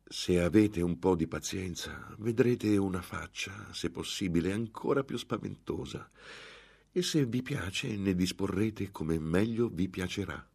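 A man voicing a young woman raised in a convent who speaks in a measured, reasonable way in an audiobook. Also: low-pitched, gravelly, a little mellow, slightly rough, voice pushed up, exaggerated voice. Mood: calm. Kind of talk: audiobook character voice.

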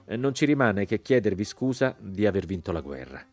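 A man's voice: lowish voice, sing-song, brisk, a little mellow, soft background music. A man reading as a polite American colonel. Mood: courteous. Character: courteous American colonel, man, good-humoured. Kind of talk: audiobook reading.

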